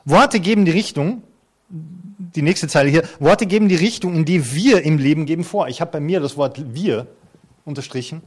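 A man's voice: fairly high pitch, moderate pace, husky. Earnest man in his fifties preaching. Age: 50s. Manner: earnest, conversational preaching with light humor. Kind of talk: sermon. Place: church hall before a congregation.

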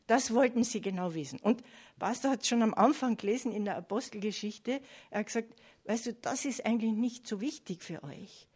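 A woman's voice: a little high, fairly quick, a little mellow, breathy edge. A woman preaching a sermon earnestly, often checking in with her listeners. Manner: earnest, with frequent "ja?" and "Amen" asides to listeners.

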